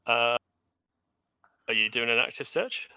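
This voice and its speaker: A man's voice: mid-range voice, expressive, unhurried, bright, forceful tone, clean tone, no echo, highs cut off. A man acting as game master, narrating and explaining rules in an online tabletop role-playing game.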